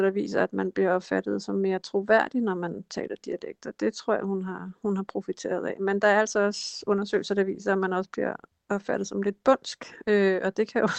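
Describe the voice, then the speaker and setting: Gravelly-voiced woman explaining language. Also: mid-range voice, dry recording. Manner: explanatory, hesitant with fillers. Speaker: language expert guest. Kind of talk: conversational interview.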